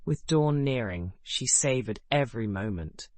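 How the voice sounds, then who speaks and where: In a calm, measured manner, a man narrates a scripted bedtime story, letting his sentences fall away at the ends. His voice is mid-range, recorded without echo.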